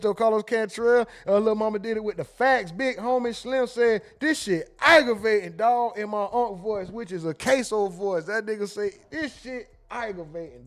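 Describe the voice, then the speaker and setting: A man hosting a casual livestream, reading viewer comments aloud and reacting with quick asides and laughter. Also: extremely high pitch. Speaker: livestream host reading super chats.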